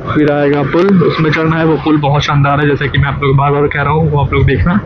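A man's voice: a little high, flat delivery, fast talker. A man narrating casually as he rides a motorbike through city roads, chatty and repeating his requests to viewers. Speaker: motovlogger. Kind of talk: casual riding commentary. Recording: muffled with loud road and wind noise.

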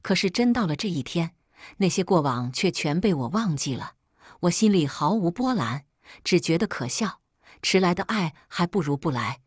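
A woman's voice: lowish voice, lively intonation, normal speed, husky, no room sound, studio quality. A woman narrating a first-person melodrama story in a cool, bitter storytelling manner.

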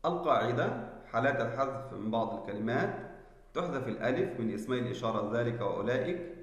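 A male teacher giving a spelling lesson, explaining slowly and deliberately and checking that students follow. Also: mid-range voice, lively intonation, dull audio. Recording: echoey room with long reverb.

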